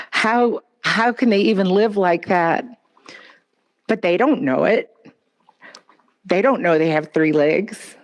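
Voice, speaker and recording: A woman speaks at an outdoor pet memorial in a slow, unhurried way. Her tone is gentle and consoling, with soft pauses as she addresses the mourners. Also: mid-range voice.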